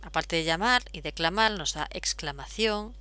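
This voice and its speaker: A woman's voice: on the low side, expressive, normal speed, pushed and bright, clear, resonant tone, no room sound. Patient woman teaching step by step. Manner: patient, step-by-step explaining with frequent fillers. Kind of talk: explaining at a whiteboard.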